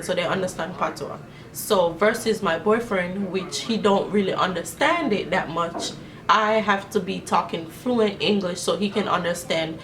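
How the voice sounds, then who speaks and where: In a casual Q&A vlog, a young Jamaican woman with a medium-pitched voice and Jamaican accent rambles through get-to-know-me questions, chatty and full of fillers. The sound comes from a distant camera mic.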